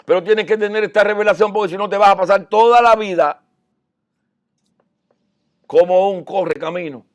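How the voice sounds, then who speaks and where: Preacher, male, high voice, sermon that swings from hushed to loud. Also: moderate pace, pauses often.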